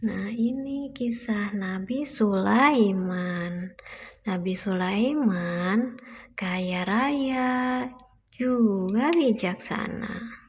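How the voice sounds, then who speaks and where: A woman's voice: medium pitch, extremely slow, slightly rough. A woman, a mother reading a picture book aloud to toddlers in simple storytelling, repeating and explaining lines, on a muffled recording with background noise.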